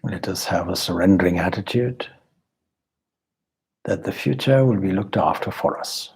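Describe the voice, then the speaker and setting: A man's low, husky voice leads a guided meditation with calm, measured delivery. He speaks as a spiritual teacher, letting deliberate pauses and a breathy quality shape each phrase.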